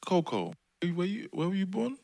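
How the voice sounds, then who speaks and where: A man hosting a podcast, introducing guests with lively, effusive, slangy remarks. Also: high voice, fairly quick, creaky. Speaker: podcast host.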